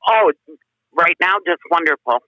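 A woman calling in over a speakerphone line as a race track promoter, chatty and quick to laugh. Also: on the low side, animated, no echo, highs cut off. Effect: heard over a speakerphone call. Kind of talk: phone-in interview.

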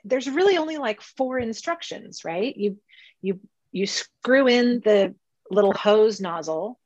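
A woman's voice: medium pitch, expressive, measured pace, darkish tone, no room sound, muffled recording. A woman in casual conversation, telling a story with animation, laughing mid-sentence and acting out the people in it. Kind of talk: casual chat.

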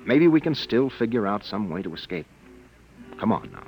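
Low-voiced, wary, protective husband. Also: male voice, wildly swooping pitch, moderate pace, creaky, a little mellow, exaggerated voice, rough recording. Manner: soothing but tense, earnest. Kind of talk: 1950s radio drama acting. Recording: vintage radio recording.

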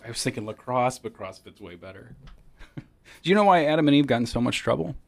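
A man on a podcast in a small shed studio, casually telling dad jokes in a deadpan way and laughing at his own punchlines. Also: medium pitch, a little fast, creaky, slight background noise. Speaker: podcast co-host. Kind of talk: casual joke-swapping chat.

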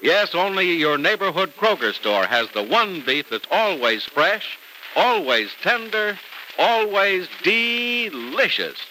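Male old radio announcer, American accent, swooping emphatic pitch, bright forceful voice, polished sales delivery, noisy vintage recording. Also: big pitch swings, slow. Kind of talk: old-time radio announcer narration and ad read.

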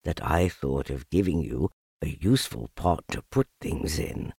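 A man's voice: extremely low pitch, animated, a little slow, creaky, a little mellow, husky, no room sound, clean studio sound, pitched below the performer's own voice, full character voice. A man voicing a kindly, simple, cheerful toy bear who explains things earnestly in a storybook reading. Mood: happy.

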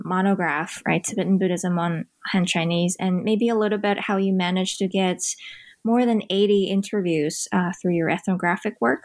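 Female podcast host, polite and measured, scholarly interview. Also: medium pitch, darkish tone. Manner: polite, measured, some ums. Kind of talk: interview hosting.

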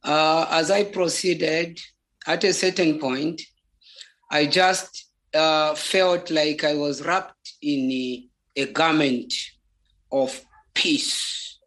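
With a steady, slightly bright voice at medium pitch, a Zambian-accented native Bemba speaker recounts a personal spiritual testimony. Words are repeated for emphasis in a halting, deliberate manner.

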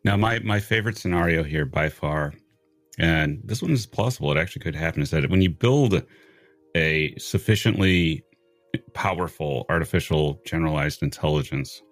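A man's voice: a bass voice, moderate pace, no echo, faint music behind. A man hosting a talk show, wrapping up an interview and trading dry jokes with his co-host. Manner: dry, joking. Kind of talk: casual talk show chat.

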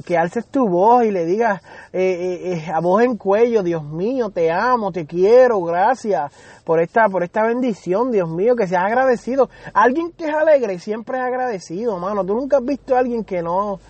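A man's voice: high-pitched, darkish tone, dry recording. A man giving an informal sermon, earnest and repetitive, calling the listener "beloved". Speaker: preacher.

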